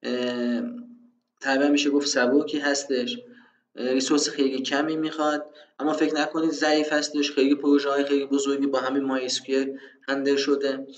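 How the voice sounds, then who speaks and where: A man's voice: medium pitch, completely flat delivery, lo-fi sound, slight background noise. Man teaching databases in an echoey room. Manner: conversational, rhetorical self-questions, frequent fillers. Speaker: programming instructor. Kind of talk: screen-recorded tutorial explanation.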